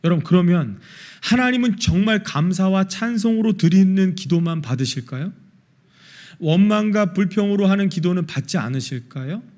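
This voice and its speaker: A pastor preaching a sermon, asking the congregation questions and acting out prayers and quarrels in quoted voices. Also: male voice, high voice, expressive, normal speed, a little mellow. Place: church worship service.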